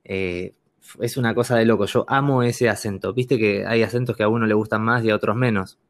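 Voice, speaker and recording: Male guest, lively storyteller, lowish voice. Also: brisk. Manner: animated storyteller, laughs often. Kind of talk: casual chat.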